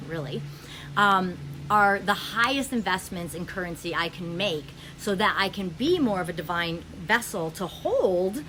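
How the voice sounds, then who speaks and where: A woman hosting a podcast, speaking fast in a flowing spiritual monologue with many ums and restarts, recorded in a friend's home. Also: on the low side, background noise. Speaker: podcast host.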